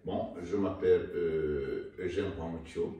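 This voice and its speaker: An older man from Rwanda, an author, talking about his book in an interview with hesitant pauses and repeated words. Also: deep voice, fairly even intonation, dark tone. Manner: slow, hesitant, repeats words while searching. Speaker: author and guest. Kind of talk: conversational interview. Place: indoor room, seated in armchair. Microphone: far camera. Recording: echoey room, mic at a distance, faint noise.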